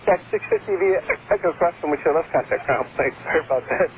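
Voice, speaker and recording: A man speaks as an air traffic controller over aviation radio. His instructions are clipped and extremely quick, in a fairly high voice. The channel is narrow and tinny. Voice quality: interrupted by hiccups.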